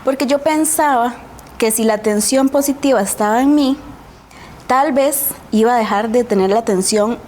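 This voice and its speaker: A woman's voice: on the high side, normal speed, darkish tone, a little hiss or hum. A woman with a Costa Rican accent, a guest on a TV talk show, earnestly telling her own story and often adding a questioning tag. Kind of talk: personal storytelling in a TV interview.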